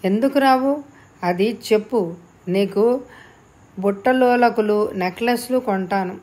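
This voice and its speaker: A woman's voice: medium pitch, unhurried, a little mellow, close to an everyday voice. A woman voicing a domineering, bullying father who scolds and barks orders in an audiobook. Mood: angry. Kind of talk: audiobook character reading.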